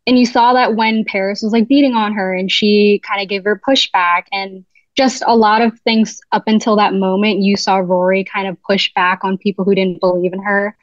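In this casual interview clip, a young woman from New Jersey who writes for a living chats on a podcast, leaning hard on "like." She has a mid-range voice, fairly even intonation and a moderate pace. There's no room sound, and the quality is lo-fi.

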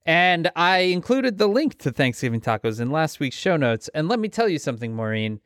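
A man co-hosting a podcast in casual chat, animated and exclamatory. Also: on the high side, moderate pace, smooth, dry recording, studio quality. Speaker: podcast co-host.

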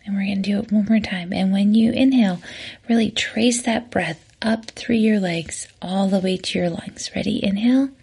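A woman leads a slow guided breathing exercise as a coach. Her mid-range voice is breathy and a little husky. She gives the inhale and exhale cues in a hushed delivery, often sinking toward a whisper. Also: mid-range voice. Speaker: podcast host and breathing coach.

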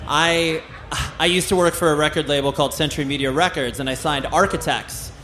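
A man's voice: a little high, steady tone, a little fast, fairly bright tone. An American man hosting a casual live interview in a chatty, effusive, conversational way. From California, United States. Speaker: podcast host, interviewer. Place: live stage at a music festival. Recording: background noise, live festival stage.

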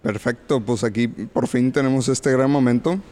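A man co-hosting a podcast, opening with an earnest prayer in a halting, filler-laden manner. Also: mid-range voice, warm tone, faint music behind. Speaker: podcast co-host.

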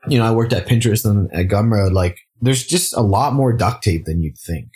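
In a relaxed interview, a Singapore-raised startup founder speaks a little fast in a lowish voice. He keeps restarting sentences and leaning on fillers.

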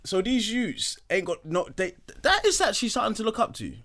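A man's voice: high voice, very animated, brisk, bright, forceful tone. A young man with a London urban roadman accent, telling slangy anecdotes in casual group banter.

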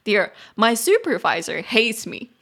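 A woman hosting a casual podcast lesson, switching into English to spell words out letter by letter and repeat their stress slowly. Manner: animated, jumps to high excited bursts. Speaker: podcast host teaching English.

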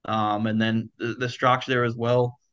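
A man's voice: medium pitch, little pitch movement, moderate pace, a bit bright, smooth, highs cut off. A man with an Australian accent, a podcast guest, talking in an enthusiastic, rambling way. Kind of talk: casual interview chat.

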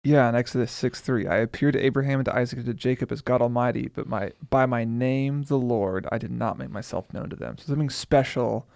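A man's voice: mid-range voice, fairly even intonation, fast, vocal fry, hardly any pauses, darkish tone, no echo, studio quality. A man co-hosting a podcast, reading Bible verses aloud and adding short remarks in a casual chat. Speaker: podcast co-host.

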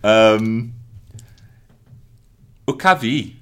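A man's voice: fairly low pitch, drawn-out words, a bit bright, clean tone. A man with a Birmingham accent hosting a casual football podcast, running a jokey quiz. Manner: jokey quiz-master, chuckles between words. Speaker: podcast host.

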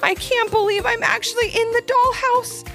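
A woman's voice: extremely high pitch, normal speed, creaky, faint music behind, voice pushed up, exaggerated voice. A woman voicing a cheerful, polite little girl who is amazed by everything she sees. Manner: bright, wide-eyed and excited.

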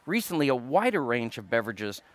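A man hosting a radio interview show over lunch, asking friendly, lively questions. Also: mid-range voice, a little fast, no echo.

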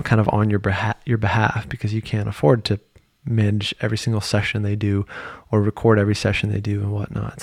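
A man's voice: fairly low pitch, a little mellow, no room sound, clean studio sound. A man hosting a podcast, talking casually and thinking aloud, with frequent fillers and restarts. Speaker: podcast host.

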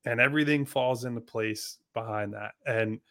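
A man with a bright, forward voice makes his case on a sports podcast. He talks bluntly and emphatically, restarting sentences and swearing freely as he pushes his opinion. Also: mid-range voice, moderate pace. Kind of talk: casual sports debate.

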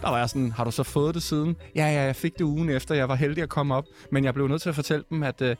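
A man's voice: fairly high pitch, fairly even intonation, faint music behind. A man in his forties, a DJ guest telling stories in casual radio chat, laid-back and swearing now and then. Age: 40s. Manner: laid-back storytelling, swears and slips into English.

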